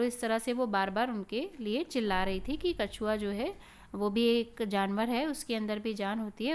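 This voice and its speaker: A woman tells a story for children in a smooth, clear voice set a little high. She talks like a teacher, pausing to explain words and to point the listener to the pictures.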